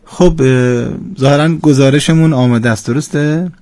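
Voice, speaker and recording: A man's voice: mid-range voice, darkish tone, no room sound. A man teaching Quran recitation on a radio call-in show, patiently correcting a caller's pronunciation step by step.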